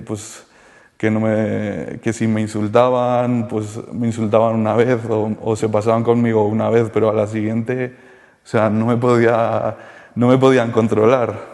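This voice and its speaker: Halting, low-voiced man. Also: in a large hall. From Colombia. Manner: halting and soft-spoken, circling back with many restarts. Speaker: interviewee sharing a rehabilitation testimony. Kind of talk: personal testimony interview.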